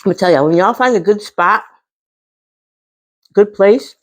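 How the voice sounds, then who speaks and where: Speaking at a normal speed in a mid-range voice, a middle-aged American woman hosts a mukbang, chatting casually to viewers while she eats. She punctuates bites with savoring "mm"s.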